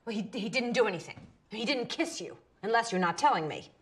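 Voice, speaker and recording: An actress playing a weary, jealous middle-aged woman who stammers nervously and swings from hushed to agitated. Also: a little high, animated, brisk, natural voice. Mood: bitter. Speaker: actor in a film scene. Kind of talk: naturalistic film acting.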